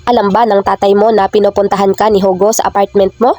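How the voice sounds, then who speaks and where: A woman reading the lines of a cool, composed young businessman in a calm, low-key way. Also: quick pace, faint music behind, lightly acted. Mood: cool, concerned.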